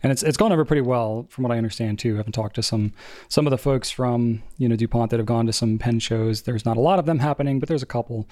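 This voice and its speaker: A man's voice: medium pitch, fast. Laid-back man in casual chat. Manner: relaxed, laid-back, backchannels a lot. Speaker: podcast co-host.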